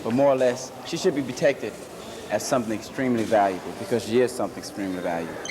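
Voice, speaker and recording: Earnest low-voiced man on noisy tape. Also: fast. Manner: earnest, declarative. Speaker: interviewee. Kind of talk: street interview opinion. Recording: noisy old video recording.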